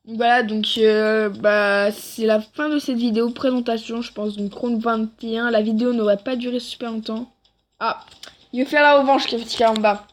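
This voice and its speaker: A woman's voice: a little high, steady tone, normal speed. A woman giving rambling gameplay commentary for a video, often correcting herself mid-sentence. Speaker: gaming video creator.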